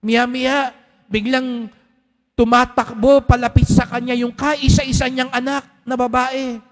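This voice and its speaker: Priest, male, very high voice, chatty storytelling sermon, long church echo. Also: little pitch movement, a little slow. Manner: conversational storytelling with rhetorical questions. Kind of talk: Sunday homily. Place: large church. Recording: long church hall reverb.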